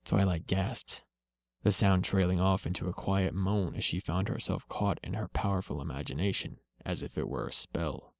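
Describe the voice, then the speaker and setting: A man reading a story aloud in a slow, steady, low-key way. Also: no room sound. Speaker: reader.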